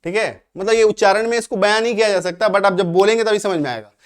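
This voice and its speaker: Man from India, high voice, English grammar teacher, step-by-step explanations, slows down for examples. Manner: explains step by step, often checks with 'okay, clear?'; slows right down when reading out English examples. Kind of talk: grammar lesson.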